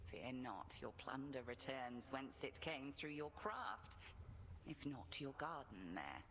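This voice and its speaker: A woman's voice: a bass voice, big pitch swings, takes it slowly, fairly bright tone, slight background noise, full character voice. A woman voicing a stern, wise witch mentor in a video game, with archaic, commanding, theatrical speech. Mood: stern reassurance. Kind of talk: video game character acting.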